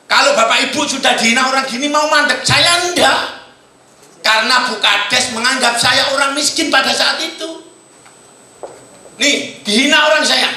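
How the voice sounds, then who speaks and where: A man with an East Javanese accent giving a motivational sales seminar in a hotel hall, quizzing the audience and bursting into shouts. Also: extremely high pitch. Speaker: seminar presenter. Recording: very echoey hall.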